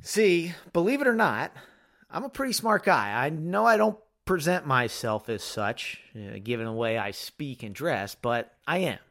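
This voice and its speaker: A man hosting a solo podcast, talking candidly and profanely, swinging between heated ranting and quiet reflection. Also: a little high, big pitch swings, a little slow. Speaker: podcast host.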